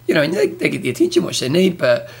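A man with a broad Kiwi accent talks at a rapid clip as co-host of a sports show. His style is casual, matey and full of slang. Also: high voice, wildly swooping pitch, creaky, husky. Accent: broad New Zealand. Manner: slangy, matey, chipping in with short questions.

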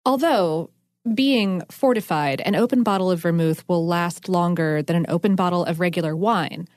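A woman's voice: on the low side, moderate pace, darkish tone, dry recording, studio quality. A woman co-hosting a podcast, explaining food history and science in a chatty, enthusiastic way with lots of asides. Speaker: podcast co-host.

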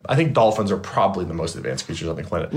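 A man, a trauma therapist and guest, talking in a casual, animated and emphatic way, swearing freely. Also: deep voice, very fast. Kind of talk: casual interview chat.

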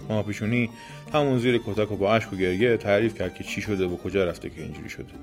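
A man's voice: lowish voice, faint music behind. Man telling a folk tale. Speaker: storyteller.

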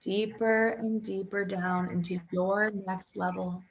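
A woman guiding a hypnosis session as a hypnotherapist, speaking softly and soothingly in repetitive phrases. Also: medium pitch, flat delivery, takes it slowly, creaky, a little hiss or hum.

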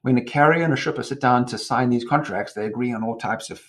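A South African man in his forties, a company founder, giving measured explanatory answers in an interview, trailing off with "et cetera". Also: mid-range voice, fairly bright tone. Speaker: guest, company co-founder and CEO.

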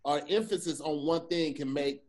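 A man's voice: fairly high pitch, normal speed, darkish tone. A man who is a comedian, talking on a casual podcast and telling stories in an earnest way. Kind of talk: casual chat.

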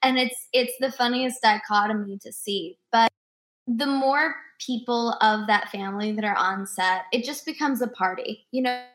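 Animated young woman telling stories. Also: on the high side, moderate pace. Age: 20s. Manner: animated storyteller, acts out quoted dialogue. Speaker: guest actress. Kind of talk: remote interview chat.

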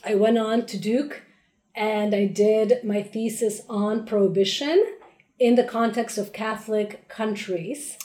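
A woman's voice: medium pitch, measured pace, reverberant. A woman from Peru, a spirits brand founder, chatting animatedly as an interview guest with plenty of fillers. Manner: animated, playful, many fillers. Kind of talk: casual interview chat.

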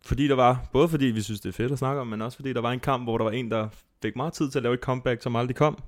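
A man hosts a casual podcast chat. He tells stories in a rambling way, with lots of restarts, and gets animated as he goes. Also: mid-range voice. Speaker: podcast host. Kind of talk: casual chat about fighting.

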